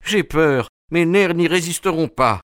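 A jittery, frightened gentleman, played by a male reader, his voice lifted and strained with nerves. He pleads for help, heard close and dry in a storybook recording. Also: fairly high pitch, animated, measured pace, clear, resonant tone, no echo, pitched above the performer's own voice. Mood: terrified. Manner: trembling, raised, pleading. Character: nervous, terrified middle-aged man. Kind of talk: audiobook reading.

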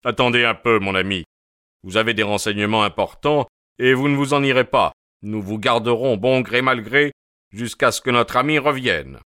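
A big, hearty police inspector, blunt and jovial, who booms his remarks with gusto, as a male narrator puts him on. The reading is close and dry, with a bright edge. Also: moderate pace, smooth, no room sound, close to an everyday voice. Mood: firm. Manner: bluff, jovial.

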